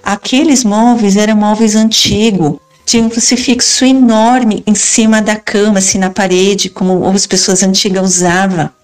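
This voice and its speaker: A woman's voice: mid-range voice, steady tone, moderate pace, few pauses, darkish tone. A middle-aged woman recounting strange events at her house in a first-person spoken account, acting out the dialogue as she tells it. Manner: earnest, retells dialogue in quotes. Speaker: storyteller recounting a haunted house.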